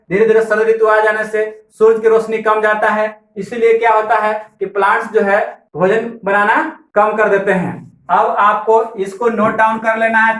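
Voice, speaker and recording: A man teaching an online class, explaining poem word meanings slowly and repeating key words. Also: high voice, fairly bright tone, roomy sound, rough recording. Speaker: English teacher.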